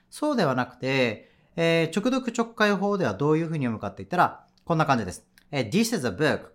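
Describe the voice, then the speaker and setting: A man's voice: on the high side, fairly bright tone. A man teaching an audio lesson as an English teacher at a cram school, explaining in a chatty, patient way.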